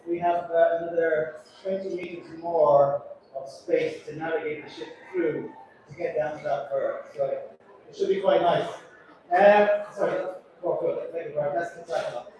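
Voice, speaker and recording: Speaking at a moderate pace in a fairly high but darkish voice with a steady tone, a man from Ireland, the captain of a cruise ship, addresses passengers. He keeps it chatty and joking, poking fun at himself. The sound comes from a distance in an echoey atrium, with a crowd audible.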